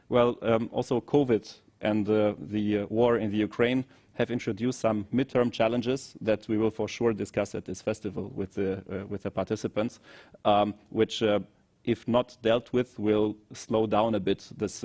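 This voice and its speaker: A consultant with a German accent lays out his analysis in a low voice. He speaks in measured, steady sentences with frequent ums. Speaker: consultant guest expert on climate and energy. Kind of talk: expert briefing in conversation.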